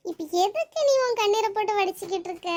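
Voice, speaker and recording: A woman voicing a group of chatty, emotional young women friends in a cartoon, with quick scolding banter that turns tearful. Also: very high-pitched, fairly even intonation, a little mellow. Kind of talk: animated cartoon voice acting.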